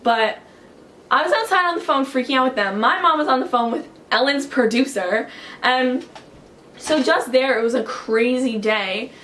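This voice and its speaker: Woman vlogger, higher-pitched voice, excitable and chatty, talking to camera at home. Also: moderate pace, slight background noise. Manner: excitable and chatty, heavy use of "like". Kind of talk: casual storytelling to camera.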